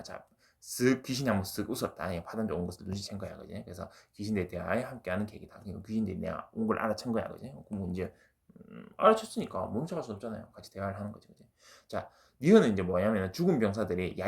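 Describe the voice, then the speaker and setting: Male lecturer, gravelly voice, quick delivery, chatty exam-prep lesson. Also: fairly low pitch, a little mellow. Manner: chatty, keeps asking "right?" and drops into slang. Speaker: Korean literature lecturer.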